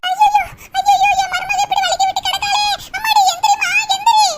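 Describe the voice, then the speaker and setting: A woman's voice: extremely high pitch, fast, bright, forceful tone, far from the mic. A woman voicing a fussy, fretting mother-in-law, wailing and scolding in turn. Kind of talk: cartoon comedy voice acting.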